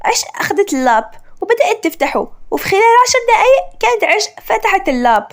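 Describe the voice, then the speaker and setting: A woman's voice: very high voice, very animated, fast. A woman with an Egyptian Arabic accent narrating a story in a plain storytelling manner.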